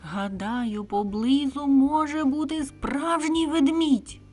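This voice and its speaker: A woman puts on a little storybook fox girl for a bedtime tale. She sounds raised and bright in pitch, earnest, pleading with her friends, and speaks slowly. Soft music plays faintly behind her. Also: steady tone. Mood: urgent. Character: small quiet young female fox, gentle but worried.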